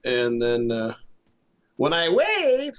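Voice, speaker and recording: A man's voice: mid-range voice, huge pitch swings, slow pace. A man co-hosting a gaming stream over voice chat, joking, teasing and laughing often. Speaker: game streamer co-host. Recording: dull lo-fi voice chat audio.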